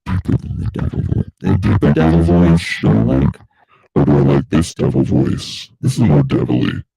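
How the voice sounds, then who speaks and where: A demonic male voice, dropped to a cavernous low by a voice changer, grinding with heavy fry and a husky, raspy edge. It swings widely up and down as it riffs and beatboxes in a casual solo podcast. The sound stays dark and mellow. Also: expressive, normal speed, exaggerated voice. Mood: goofing around. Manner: goofy, riffing, beatboxing. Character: deep growling male devil voice. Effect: pitch-lowering voice changer.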